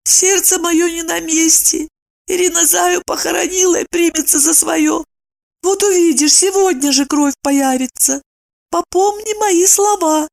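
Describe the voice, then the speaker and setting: A woman reading an audiobook, voicing a squeaky, fretful woman who frets and scolds. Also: fairly even intonation, measured pace, creaky, heavily acted. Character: fussy anxious woman, squeaky, superstitious.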